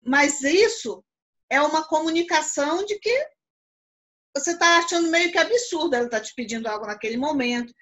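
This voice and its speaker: A woman's voice: high voice, lively intonation, normal speed, a bit bright. A Brazilian Portuguese woman teaching philosophy over a video call, explaining patiently and checking understanding often. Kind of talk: live online class.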